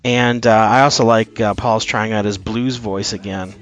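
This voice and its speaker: A man with a fairly low voice shares his take on each song, pausing often to check his notes. He talks in a hesitant, casual way with many fillers. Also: fairly even intonation, faint music behind. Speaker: podcast co-host reviewing an album. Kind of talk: casual chat.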